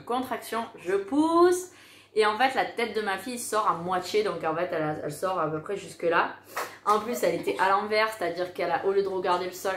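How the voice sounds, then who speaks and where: A woman telling a personal story in a casual, animated way, acting out the dialogue she recounts. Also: mid-range voice. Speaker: mother telling her birth story. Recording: roomy echo.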